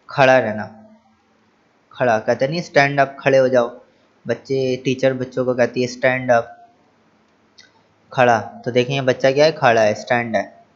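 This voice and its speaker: A man's voice: mid-range voice, muffled recording. A male teacher explaining English action words to children. He spells each word letter by letter, then repeats it, translates it and asks the class rhetorical questions.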